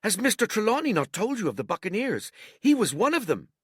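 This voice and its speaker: A man's voice: high voice, huge pitch swings, brisk, husky, dry recording, studio quality, voice pushed up, full character voice. A man voicing a polite, eager young male cabin boy, earnest and respectful.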